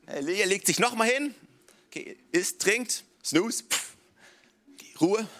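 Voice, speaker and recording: Male pastor, high bright voice, casual lively sermon delivery peppered with English asides. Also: a little slow. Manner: casual, animated storytelling sprinkled with English "come on".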